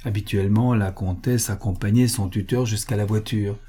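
A man reads a novel aloud at a measured, even pace. His voice sits low, with a mellow, husky tone. It is the steady delivery of audiobook narration.

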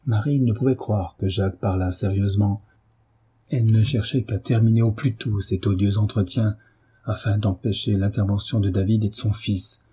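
A male audiobook narrator with a husky voice. His tone is dark and mellow, and he sits a little low in pitch as he tells the story in even, measured narration. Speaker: audiobook reader. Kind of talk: scripted narration of a novel.

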